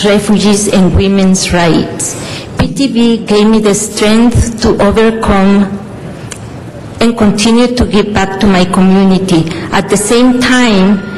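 A middle-aged woman from El Salvador reads a prepared testimony to a city council in a measured, earnest way. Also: medium pitch, darkish tone. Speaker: community advocate giving testimony. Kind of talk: prepared statement read aloud. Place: council chamber. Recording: council chamber with long reverb, faint noise.

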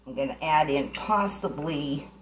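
A middle-aged woman, host of a home cooking channel, chats casually through a recipe with folksy step-by-step guidance. Her pitch is low and her pace a bit slow. The counter-placed camera picks up kitchen echo, quiet clattering pots, and slight hiss or hum.

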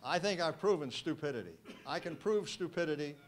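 In a wood-panelled banquet room, an older guest speaker answers audience questions into a handheld mic, his voice on the high side with lively intonation. His replies are wry, emphatic and measured, with slight background noise.

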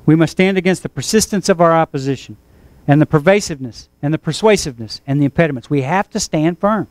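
Pastor, male, high voice, emphatic sermon delivery with call-and-response. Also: quick pace, dry recording. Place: church.

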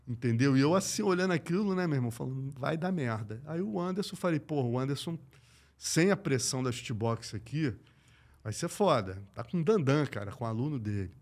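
A middle-aged man with a Brazilian accent, a guest telling a sports story in slangy, profane speech. He swings between loud and hushed and acts out the voices in his quotes. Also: medium pitch, animated, fairly quick. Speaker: podcast guest, combat sports journalist. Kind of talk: animated anecdote telling.

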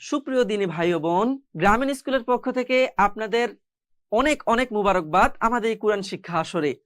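A woman's voice: medium pitch, animated, quick pace, no room sound, studio quality. A woman teaching Quran recitation, who spells out each letter and then holds the nasal sounds long. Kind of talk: step-by-step spoken lesson.

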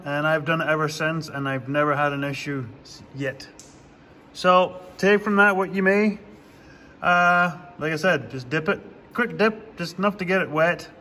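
Recorded in a farm workshop that sounds like a large hall, a farmer with a sharp-toned voice on the high side talks casually through his own repairs. His how-to vlog narration is plainspoken, laced with dry sarcasm.

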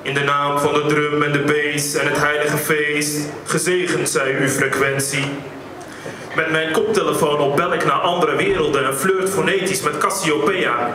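A male slam poet delivers rhymed lines in a steady, rhythmic cadence, his voice slightly raised in pitch. He sounds set back from the microphone, his words washing around a very reverberant hall over a clear layer of background noise. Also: normal speed. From Netherlands. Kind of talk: performed spoken-word poetry. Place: live venue hall. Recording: echoey hall, distant mic, background noise.

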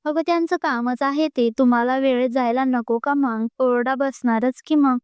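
A caring middle-aged mother, soothing one moment and gently scolding the next, in a high, clear, smooth voice, as a woman telling a story puts her on. Close, dry sound. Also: steady tone, moderate pace, no echo, close to an everyday voice.

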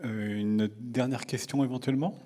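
A man moderating a public talk, wrapping it up briskly with a few fillers. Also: mid-range voice, steady tone, mellow.

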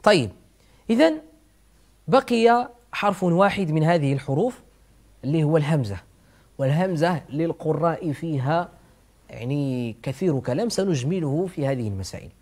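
A male Quran recitation teacher giving an explanatory lesson, slowly repeating words aloud to demonstrate how each sound is made. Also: a little high, expressive, a little mellow.

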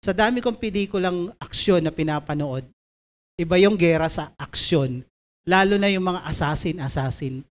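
A woman preacher giving an emphatic sermon, reading scripture slowly and asking listeners to turn to their neighbors. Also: fairly low pitch.

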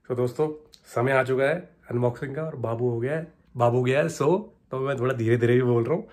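A man narrating a casual family vlog at home, chatty and doting, talking to his baby in between. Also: mid-range voice. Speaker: vlogger. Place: home, indoors.

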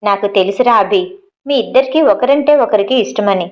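A woman's voice: mid-range voice, moderate pace, muffled recording, close to an everyday voice. Woman playing a stern controlling father. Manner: stern and lecturing.

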